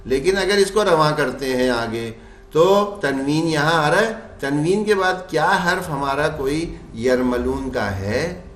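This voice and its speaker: A man teaches the rules of Quran recitation, questioning his class and answering himself while chanting example verses slowly. His fairly high, animated voice has a fairly bright tone in a reverberant space with slight background noise.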